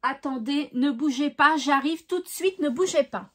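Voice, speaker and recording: A high-pitched woman with a regional French accent talks casually to her viewers as a craft vlogger. She is cheerful and enthusiastic, peppering her speech with fillers and repeated "voilà". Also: normal speed. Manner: chatty, many fillers and "voilà".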